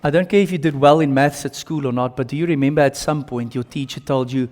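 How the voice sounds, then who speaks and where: A man's voice: medium pitch, quick pace, darkish tone. A man with an Afrikaans South African accent preaching a sermon in emphatic short phrases, repeating himself and putting questions to his listeners. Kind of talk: sermon with slides and audience questions. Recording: long hall reverb.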